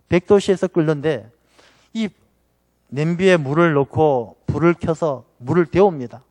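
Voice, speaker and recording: High-voiced Korean pastor preaching. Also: male voice, a little mellow, no room sound. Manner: conversational preaching with acted-out quotes. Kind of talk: sermon.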